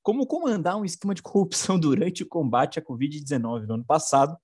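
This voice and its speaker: A man's voice: on the high side, quick pace, a little mellow, husky. A man co-hosting an informal political news show, slangy and sarcastic.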